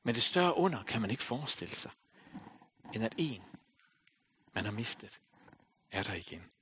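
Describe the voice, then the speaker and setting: A male pastor delivers a sermon, reading scripture aloud and then discussing it, swinging from loud calls down to soft, almost whispered lines. His voice sits on the low side with a sing-song lilt and a slight hiss or hum.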